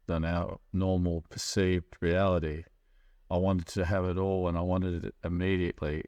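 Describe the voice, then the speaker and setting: A man narrating a guided meditation as a guide, speaking in a measured, soothing way with pauses between short phrases. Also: sits low, no room sound, studio quality.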